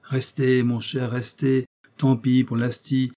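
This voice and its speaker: A man's voice: medium pitch, little pitch movement, takes it slowly, warm tone, natural voice. A man playing a firm, commanding detective. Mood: coaxing firm.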